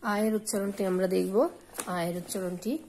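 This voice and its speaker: A woman teacher giving a spoken lesson, saying example words slowly and repeating them for her pupils. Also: mid-range voice, steady tone, warm tone, a little hiss or hum, rough recording. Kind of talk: slow spoken lesson on pronunciation.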